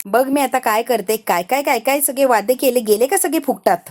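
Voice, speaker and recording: A woman's voice: high voice, brisk. A woman voicing a scolding, furious matriarch. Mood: angry. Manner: scolding, sharp-tongued. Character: furious older woman, mother-in-law type.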